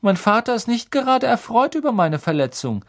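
Male reader as a spoiled audiobook schoolboy: high, loud, whiny, smug sneer. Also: sing-song, brisk, heavily acted. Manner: nasal drawl, shrill and mocking.

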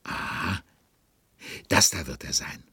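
A man's voice: takes it slowly, no echo. A man narrating a scripted children's story in a genial, amused and wry manner. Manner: wry, lively.

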